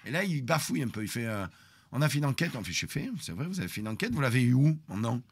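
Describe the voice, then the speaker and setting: Lively man telling a story. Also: mid-range voice, fast, a little hiss or hum. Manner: dramatic, animated retelling that acts out the confrontation. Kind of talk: live-stream storytelling.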